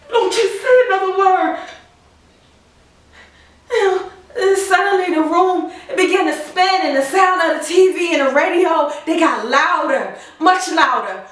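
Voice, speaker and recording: An actress performing a stage monologue as a young mother newly widowed, with a halting, hushed delivery that breaks into anguished cries. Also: sits high, heavily acted. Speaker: actor performing a dramatic monologue. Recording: very echoey room, far from the mic.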